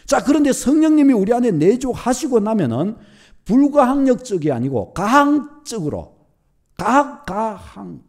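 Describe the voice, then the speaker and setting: A man's voice: very high voice, sing-song, unhurried, a little mellow. A male pastor with a Gyeongsang accent, preaching a sermon emphatically, repeating his points and using homely everyday examples. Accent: Gyeongsang Korean.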